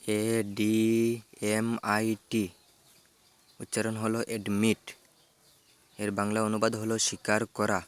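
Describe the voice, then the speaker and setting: A man works through a vocabulary list, spelling each word letter by letter before giving its meaning. His voice sits low and stays almost completely flat, with no rise or fall. He moves slowly and deliberately, like a patient drill. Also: clear, resonant tone. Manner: slow, even, measured spelling out of letters. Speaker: vocabulary teacher. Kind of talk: spelling out English words and reading Bengali meanings.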